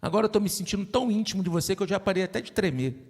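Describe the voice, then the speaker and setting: A middle-aged man preaches a sermon from the pulpit, his voice pitched high for a man. He drives his points home with repeated questions thrown out to the congregation. The sound carries the long reverb of a church hall. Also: lively intonation, very fast, a little mellow, breathy edge. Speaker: pastor.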